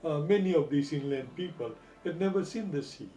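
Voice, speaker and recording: A man explains in an interview, halting and measured, with an academic manner. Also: fairly high pitch, expressive, dark tone, soft background music. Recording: roomy, distant, noisy pickup.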